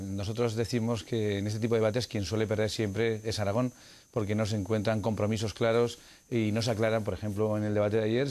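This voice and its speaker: A man's voice: on the low side, a little mellow. Man arguing in a formal interview. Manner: formal, argumentative, with frequent "eh" fillers. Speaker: political candidate. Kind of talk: interview answers.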